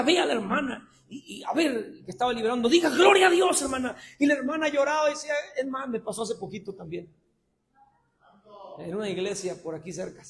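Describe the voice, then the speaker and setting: High-pitched preacher shouting a sermon. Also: male voice. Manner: swings between shouted passionate preaching and low conversational asides.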